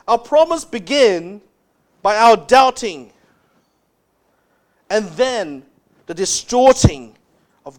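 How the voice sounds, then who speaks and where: A man preaching a sermon as pastor, speaking emphatically and dropping low and soft to stress key words.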